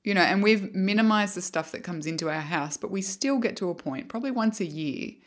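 A woman's voice: mid-range voice, expressive, brisk. A woman hosting a podcast in a casual, conversational style. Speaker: podcast host. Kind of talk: casual chat.

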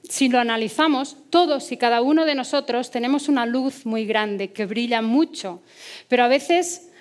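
A woman from Spain gives an earnest motivational talk as a psychologist. Her voice sits a little high, and she often pauses on rhetorical questions.

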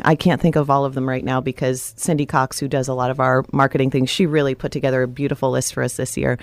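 Low-voiced woman explaining calmly. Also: no room sound, clean studio sound. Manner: steady, informative, upbeat. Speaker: dental society guest. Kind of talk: radio interview.

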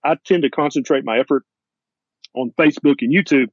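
A man's voice: medium pitch, a little fast, breathy edge, dry recording, muffled recording. A man with a Tennessee accent talking as a doctor in an interview, in a blunt, folksy and emphatic way. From Tennessee, USA. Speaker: doctor and author, interview guest. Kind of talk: conversational interview.

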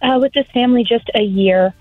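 A woman's voice: fairly high pitch, brisk, no room sound, faint music behind. A woman phone guest on a radio show, chatting in a friendly, patient, soothing customer service voice. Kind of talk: friendly phone interview chat. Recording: dull lo-fi phone line on radio.

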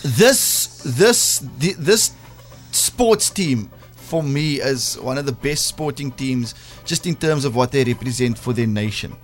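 A man's voice: mid-range voice, animated, slow, hardly any pauses. A man with a broad South African accent, hosting a casual breakfast radio quiz in a playful, teasing way. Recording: music bed behind the voice. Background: music.

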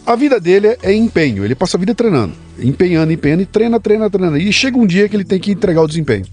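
A man hosting a podcast interview, reflecting out loud with fillers and repeated words. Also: high-pitched, sing-song, very fast, faint music behind. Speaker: podcast host. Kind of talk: conversational interview.

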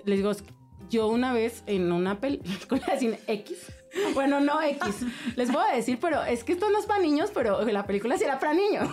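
A woman's voice: high-pitched, lively intonation, fairly quick, darkish tone, soft background music. A young woman co-hosting a casual talk podcast, telling a personal story with laughter and candor. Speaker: podcast co-host. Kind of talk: casual chat.

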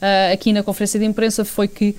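A woman with a European Portuguese accent giving an unscripted live sports report as a correspondent, pausing and repeating words. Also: mid-range voice, level tone, darkish tone, clear, resonant tone.

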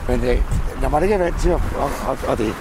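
A man new to sailing speaks in a documentary interview outdoors on a sailboat. He stumbles and repeats words as he thinks aloud. Clear boat and water noise fills the background. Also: medium pitch, lively intonation. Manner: stammering restarts, thinking aloud. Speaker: novice sailor.

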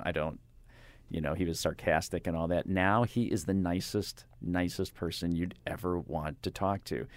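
An older man, a radio interviewer, talking in a rambling, halting way with lots of fillers and restarts. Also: low-pitched, dry recording. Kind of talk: casual interview chat. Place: radio studio. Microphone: studio microphone.

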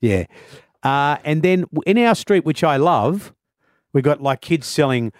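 A man's voice: a little high, lively intonation, measured pace, dry recording, studio quality. A man with a broad Australian accent hosting a sports radio show in casual, matey banter.

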